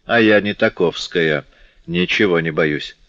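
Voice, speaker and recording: A man's voice: low-pitched, measured pace, a bit bright, dry recording. A man voicing a fierce, defiant young street girl. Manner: scornful, fearless taunting. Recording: dull dry lo-fi audiobook recording.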